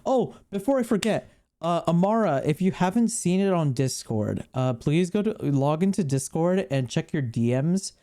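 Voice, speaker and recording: Rambly streamer chatting to chat, swears a lot, bouncy pitch, mellow dark tone. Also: expressive, moderate pace. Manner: rambling, giggly, swears freely; chats with viewers while reacting on screen. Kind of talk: casual livestream chat.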